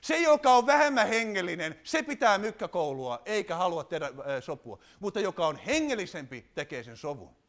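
A man preaching a sermon, animated, putting rhetorical questions to his congregation. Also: high-pitched, hardly any pauses.

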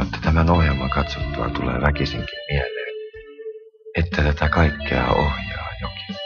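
A man giving an earnest spoken conversion testimony, telling it in a plain, colloquial storytelling way. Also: extremely low pitch. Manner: earnest, colloquial storytelling with a recurring stock phrase. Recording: dull lo-fi recording with music behind.

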